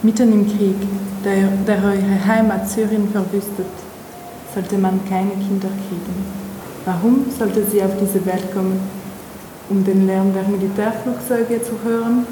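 Woman reading prose calmly, roomy echoing hall, clear background noise. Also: medium pitch, unhurried. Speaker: author reading aloud. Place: museum event space.

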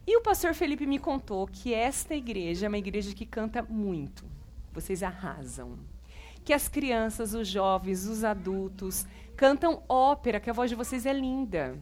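A woman storyteller leading a playful puppet act at a church, teasing and chatty. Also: fairly high pitch.

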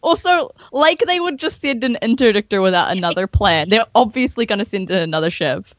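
A woman's voice: medium pitch, expressive, fairly quick, no room sound, dull audio. A woman co-hosting a podcast in casual chat, reacting with eager enthusiasm. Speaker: podcast co-host.

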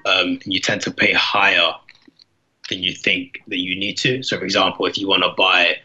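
Young man, very sharp bright tone, low pitch, hesitant casual talk, slightly lo-fi sound. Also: fairly even intonation, moderate pace. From London, United Kingdom. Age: young adult. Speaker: intern, co-host. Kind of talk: casual chat.

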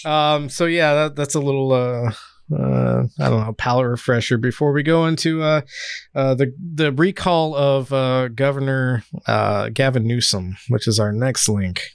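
A male podcast host with a smooth, resonant voice and a medium pitch, recorded close and dry. He talks in a casual, sardonic, rambling way, full of ums and restarts. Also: fairly even intonation, unhurried, dry recording. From California. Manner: rambling, sardonic, many fillers. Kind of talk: casual political podcast chat.

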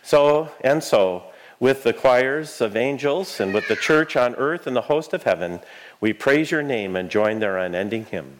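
A man with a mid-range voice leads a church service as its pastor. He recites prayers and liturgy formally, in measured phrases. His delivery is solemn throughout. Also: mid-range voice, lively intonation, slight background noise. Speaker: Lutheran pastor leading worship.

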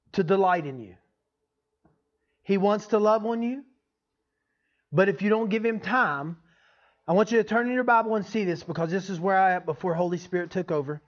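A man giving an informal, folksy teaching sermon as a preacher, often checking in with his listeners. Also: high voice. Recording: dull, lo-fi sound.

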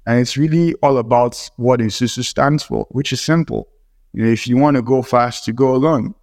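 A man's voice: medium pitch, moderate pace, creaky, a little mellow, no room sound, studio quality. A man speaking as a startup co-founder in an interview, explaining earnestly in formal, aphoristic wording.

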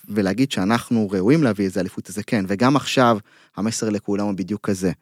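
A middle-aged man with an Israeli accent, a mental coach giving earnest, emphatic motivational talk in an interview, pausing mid-phrase. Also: lowish voice, darkish tone, no room sound, clean studio sound. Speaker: mental coach, podcast guest.

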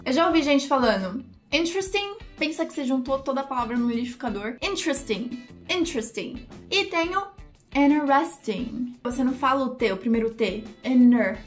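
Upbeat Brazilian woman, bright high voice, teaching English pronunciation and slowing to model words. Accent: Brazilian Portuguese. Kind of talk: pronunciation lesson video.

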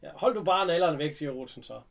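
Guy recapping a show casually, gravelly, acts out the lines. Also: fairly high pitch. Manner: animated retelling, acting out characters' lines. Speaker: recapping a TV episode. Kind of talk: casual chat.

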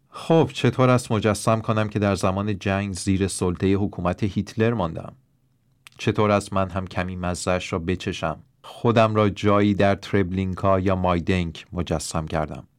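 A man reading a first-person story aloud in a measured, steady narration. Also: sits low, smooth, no echo. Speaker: audiobook narrator.

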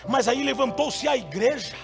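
A male pastor preaching a sermon, moving between loud shouted passages and quiet, soft storytelling. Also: extremely high pitch, lively intonation, normal speed, creaky, soft background music.

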